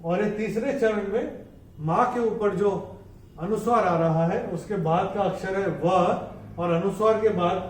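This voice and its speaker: A man teaching how to chant verses, explaining each rule in a measured way and then chanting the lines slowly and more loudly. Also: high-pitched, slight background noise. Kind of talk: bilingual tutorial on chanting verses. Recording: echoey room, voice from a distance off the mic.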